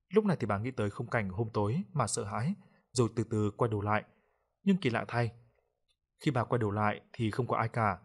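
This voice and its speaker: A man narrating a scripted horror story in a steady, grim manner. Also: lowish voice, slightly rough.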